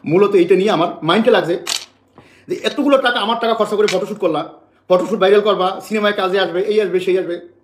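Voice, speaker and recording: Bangladeshi guy ranting fast about his side of things, keeps repeating himself, echoey room. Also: high voice, background noise. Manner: agitated, repeats phrases over and over. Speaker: man making public allegations to the press. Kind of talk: emotional spoken statement.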